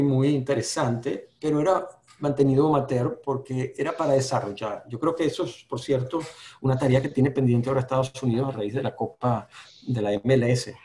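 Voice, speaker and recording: Throat-clearing older man telling old stories. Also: medium pitch, darkish tone. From Venezuela. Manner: frequent throat clearing, halting restarts. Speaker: former footballer guest. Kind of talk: casual recounting of anecdotes.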